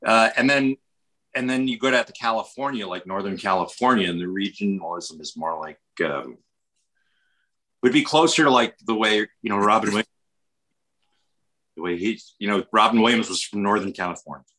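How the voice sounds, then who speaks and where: A man's voice: on the low side, moderate pace, sharp tone, low-quality recording. A man with an American accent from New York state, chatting casually and rambling with lots of restarts. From Westchester, New York, USA. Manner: rambling, many restarts and fillers. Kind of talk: casual chat.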